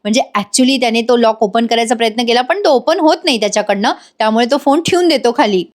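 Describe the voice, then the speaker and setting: A woman's voice: fairly high pitch, fast talker. A woman giving a chatty voice-over recap of a TV serial, often addressing the viewers and acting out the dialogue.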